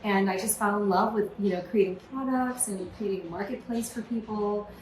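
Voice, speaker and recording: This podcast guest, an entrepreneur from California, chats casually in an interview, spinning lively stories full of "you know" fillers. Her mid-range voice moves fairly quickly, and the recording is reverberant with a slight hiss behind it.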